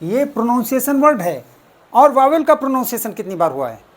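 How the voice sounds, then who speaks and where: An exam coaching teacher explaining test answers, deliberately repeating and spelling out words step by step. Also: mid-range voice, very animated. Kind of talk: explaining exam answers, mixing English terms.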